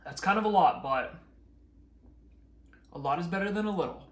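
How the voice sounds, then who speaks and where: A man's voice: high-pitched, expressive, normal speed, a bit bright. A young man chatting upbeat to camera as a food vlogger, talking while he chews. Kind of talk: casual chat to camera. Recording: echoey room with faint music.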